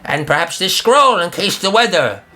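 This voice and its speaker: A man's voice: expressive, normal speed, pushed and bright, a little hiss or hum. A man voicing a thin, crooked, skittish male goblin who talks in broken, jumpy bursts. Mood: suspicious. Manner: jumpy, broken grammar, squeaky outbursts.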